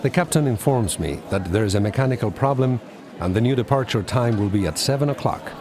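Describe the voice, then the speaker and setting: A man's voice: medium pitch, lively intonation, a little fast, crowd noise. A man making polite, formal airline boarding and delay announcements. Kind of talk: scripted announcement for a listening exercise.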